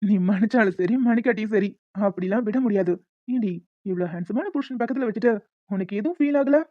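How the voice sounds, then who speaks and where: A woman voicing a playful, persistent young newlywed husband in an animated short, bantering and coaxing. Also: medium pitch, fast talker, no room sound, phone-quality sound, natural voice. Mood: teasing. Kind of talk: cartoon voice acting.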